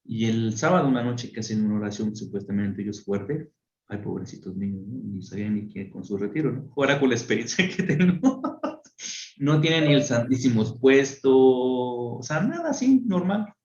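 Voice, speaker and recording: A friar being interviewed on a radio program, telling a personal testimony with lively, acted-out voices. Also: male voice, mid-range voice, normal speed, echoey room, highs cut off. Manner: animated storyteller who acts out voices. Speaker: friar telling his story. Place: radio studio.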